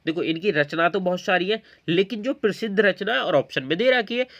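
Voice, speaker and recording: This is a male teacher walking learners through exam-prep quiz questions and repeatedly checking that they follow. His voice is high-pitched and fairly quick, with a fairly bright tone.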